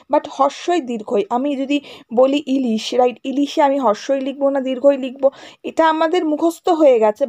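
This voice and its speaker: A woman's voice: high-pitched, warm tone. A woman teacher explaining a grammar lesson to schoolchildren. She goes over each point again and keeps checking with "right?" and "okay?".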